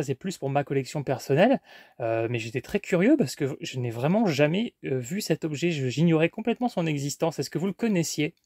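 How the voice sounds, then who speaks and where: A man with a slightly high voice talks through his finds in a casual vlog. He speaks in a chatty, hesitant way, full of fillers. The recording is dry and close. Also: darkish tone, dry recording. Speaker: vlogger showing flea-market finds.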